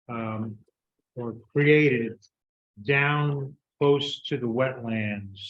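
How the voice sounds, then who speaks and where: In a meeting room, a man with a medium-pitched voice informally walks a board through a plan, explaining as he goes. The recording is echoey with background noise, and the high frequencies are cut off.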